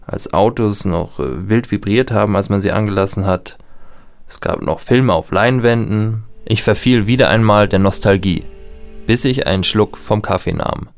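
A man's voice: lowish voice, moderate pace, gravelly, no room sound, soft background music. An actor playing a nostalgic, wary man in a futuristic smart home, narrating and talking in a musing, conversational radio drama style. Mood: casual, musing. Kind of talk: radio drama narration and dialogue in first person.

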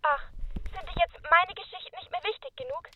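Woman acting a high-voiced scolding girlfriend. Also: normal speed, dull audio, a little hiss or hum. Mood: exasperated. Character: exasperated, reproachful girlfriend of a young man.

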